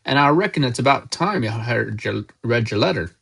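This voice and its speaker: Storybook giant: gruff, folksy, blustering, kindly , man reading. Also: mid-range voice, expressive, moderate pace, full character voice. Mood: gruff, exasperated. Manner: loud blustering outbursts, folksy speech.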